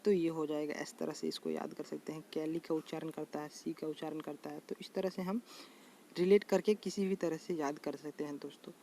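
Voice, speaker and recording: A man's voice: on the high side, animated, dark tone. Man teaching memory tricks, faint noise. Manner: addresses viewers as friends, repeats terms slowly. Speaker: general knowledge teacher. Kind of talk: casual explainer lesson.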